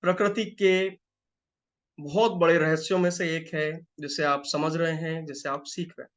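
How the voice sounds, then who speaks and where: High-voiced man coaching a live group. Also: fairly even intonation, normal speed. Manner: conversational teaching, repeats phrases and checks in with the audience. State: feeling unwell. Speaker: life and wellness coach.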